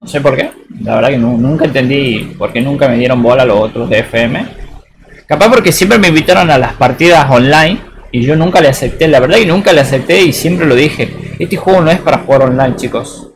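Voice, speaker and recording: Mid-range and slightly fast, this man's voice comes with a little hiss or hum. Casual live-stream chat while gaming is the setting: an Argentine with a Tucumán accent, rambling and slangy, saying "boludo" frequently.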